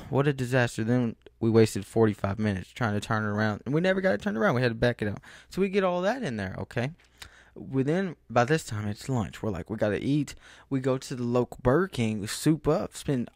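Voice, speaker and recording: A man hosting a podcast, telling a rambling, animated story in a casual, exasperated way. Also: medium pitch, no room sound, clean studio sound. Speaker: podcast host.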